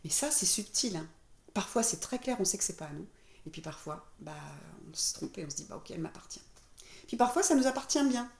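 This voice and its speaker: A woman's voice: mid-range voice, big pitch swings, fairly quick, vocal fry. A woman who works as a spiritual medium and therapist, explaining things to viewers in a chatty, informal way with frequent fillers. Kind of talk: casual explanatory talk to viewers. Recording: roomy echo.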